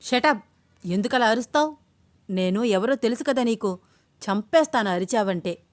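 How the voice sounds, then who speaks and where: A woman's voice: medium pitch, normal speed, a little mellow, natural voice. A woman voicing a scheming, jealous young woman in a spoken storybook. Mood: irritated.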